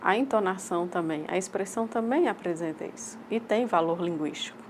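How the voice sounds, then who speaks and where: A woman with a Brazilian accent voicing a sign language teacher's lecture aloud, in measured, halting short phrases. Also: lowish voice, a little hiss or hum. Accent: Brazilian Portuguese. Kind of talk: voiced interpretation of a lecture.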